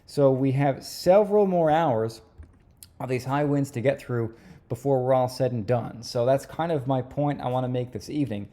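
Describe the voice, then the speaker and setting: Male weather vlogger: dark, relaxed tone, mid-range pitch, conversational forecast explainer with halting phrasing.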